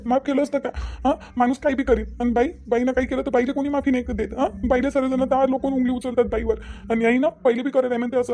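A man's voice: very high-pitched, mellow. A man with a Vidarbha Marathi accent voicing a young cartoon brother, bitter and reproachful, repeating his words. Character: heartbroken young man defending his sister. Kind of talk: cartoon dialogue acting.

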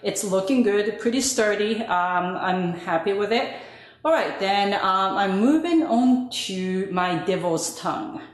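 Slow-talking woman with a big echo. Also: mid-range voice. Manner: relaxed, hesitant, lots of ums. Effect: strong echo, as in a big hall. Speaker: gardening vlogger. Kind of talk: casual show-and-tell. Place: indoor spot chosen for space to film tall plants. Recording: echoey room recording.

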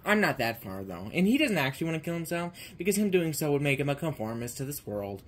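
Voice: medium pitch, big pitch swings, fast. A puppeteer voicing a chatty, breezy creature puppet who lectures about nonconformity in a puppet comedy sketch.

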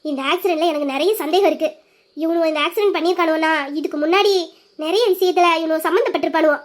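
A woman voicing a calm protective police sister. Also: extremely high pitch, quick pace. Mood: firm reassurance. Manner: steady, reassuring, firm. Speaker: police officer. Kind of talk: Tamil audio drama acting.

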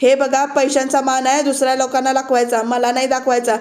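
A woman's voice: high-pitched, monotone, fairly quick, a little mellow, lightly acted. A woman reading as a defiant proud aunt. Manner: defiant, blunt. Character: proud working-class aunt defending her family.

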